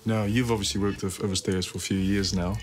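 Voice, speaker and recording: A man from New Zealand working as a reporter, asking interview questions in a brisk, slangy way. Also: low voice, little pitch movement, soft background music. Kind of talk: casual interview.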